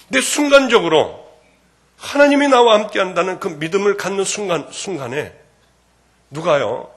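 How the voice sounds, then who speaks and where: A middle-aged man giving an emotional spoken testimony in church, fervent and swinging between hushed and loud. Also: medium pitch, slightly rough.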